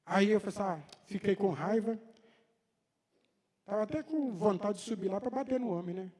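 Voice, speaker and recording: High-voiced mineiro preacher in a reverberant hall. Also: male voice, moderate pace, mellow. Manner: conversational storytelling, acting out dialogue. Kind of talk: sermon told as a personal story. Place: church hall.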